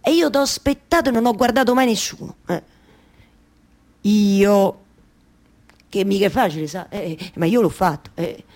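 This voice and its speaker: Una donna che interpreta Penelope, moglie malinconica e chiacchierona, in un monologo teatrale con accento romano e ripetizioni insistenti. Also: female voice, mid-range voice, normal speed, pauses often, darkish tone, natural voice. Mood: wistful, rambling. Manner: colloquial, insistent repetition. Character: Penelope, long-waiting wife, wistful, chatty storyteller of Ulysses' journey. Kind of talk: theatrical monologue storytelling with live music.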